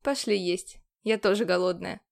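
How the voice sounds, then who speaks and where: A woman's voice: fairly low pitch, fairly even intonation, normal speed, creaky, voice pushed down. A woman voicing a blunt, caring female ship medic who speaks firmly. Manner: firm, demanding.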